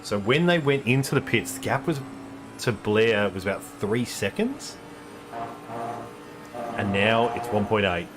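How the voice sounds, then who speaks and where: Give me a low-voiced man doing live race commentary, thinking aloud with lots of ums. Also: animated, unhurried, pauses often, music in the background. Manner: thinking aloud, explaining tyre details with many ums. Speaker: sim racing commentator.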